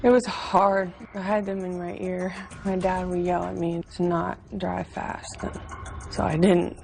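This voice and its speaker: A young woman answering interview questions in a quiet, hesitant way. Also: fairly low pitch, level tone, unhurried, vocal fry, slight background noise. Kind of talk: interview recollection.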